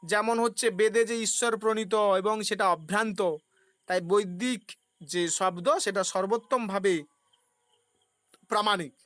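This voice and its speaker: A woman gives a philosophy exam-prep lecture at a mid-range pitch, recorded close and dry with no room sound. She asks a question, then answers it herself in measured steps, and grounds each point in an everyday example. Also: no room sound. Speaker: philosophy teacher.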